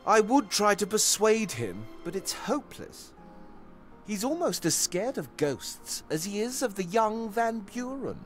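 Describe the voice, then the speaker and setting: Lively, articulate, courteous ogre. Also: male voice, sits high, measured pace, soft background music. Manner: florid, precise. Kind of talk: video game character acting.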